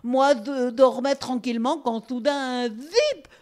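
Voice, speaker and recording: A woman's voice: high voice, slow, a little mellow. A woman reading as a complaining wounded boar. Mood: plaintive. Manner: plaintive, protesting, telling his woes. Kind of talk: storybook reading aloud.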